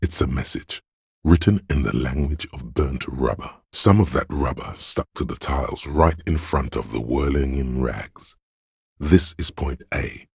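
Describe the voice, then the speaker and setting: In scripted second-person game narration, a man voices a detective's coolly observant inner voice of visual reasoning. His deep, gravelly delivery is measured, clinical and matter-of-fact, heavily acted, in a clean studio recording with no echo.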